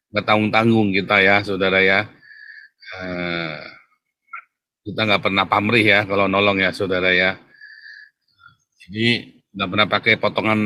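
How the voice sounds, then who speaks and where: Bright-voiced man in chatty monologue. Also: fairly low pitch. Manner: repeats "saudara ya" constantly, chatty and emphatic; laughs at his own remarks. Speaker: host. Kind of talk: casual monologue commentary.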